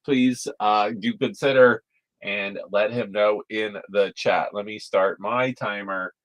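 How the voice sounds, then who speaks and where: A man's voice: on the low side, steady tone, slow. A man hosting a live comic auction stream from home, talking in a laid-back, rambling, chatty way full of fillers. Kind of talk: casual live-stream sales patter.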